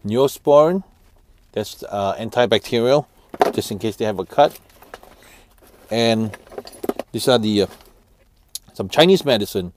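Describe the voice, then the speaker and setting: Brief: thirties man, lowish voice, halting casual how-to talk, lapel mic, faint hiss. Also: lively intonation. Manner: halting, many fillers and restarts. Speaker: vlogger giving family travel tips. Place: office room, then parked car.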